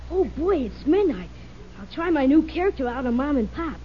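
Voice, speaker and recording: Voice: high voice, sing-song, fairly quick. A performer playing a cheeky, stage-struck schoolboy with an American accent and grandiose airs in an old-time radio comedy. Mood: mischievous. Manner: grandiose, eager, theatrical. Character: Alexander, hammy, cheeky schoolboy son with theatrical airs. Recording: muffled noisy old radio recording.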